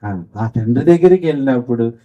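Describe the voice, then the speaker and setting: A man preaching a sermon, telling stories with acted voices and breaking into slow sung hymn lines. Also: medium pitch, lively intonation. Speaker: pastor. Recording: dull lo-fi sound.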